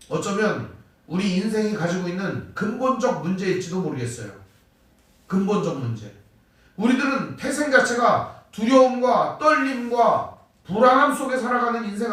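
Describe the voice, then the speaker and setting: High, lively-voiced pastor in echoey hall. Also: male voice, recorded from a distance. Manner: rhetorical questions, acting out quoted lines with swings in pitch and loudness. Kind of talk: Wednesday service sermon. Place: church sanctuary. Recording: very echoey church hall, voice from off-mic.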